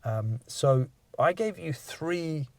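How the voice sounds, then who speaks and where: A man's voice: on the high side, expressive, slow pace, no room sound. A man, a driving instructor giving feedback after a mock test, explaining step by step and asking leading questions.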